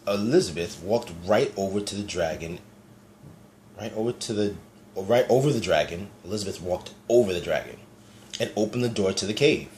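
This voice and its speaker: A man reading a picture book aloud to young children in a low, gentle voice. He talks in a relaxed, chatty way and stops often to point things out in the pictures. A faint hiss sits behind him. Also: normal speed. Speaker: storyteller.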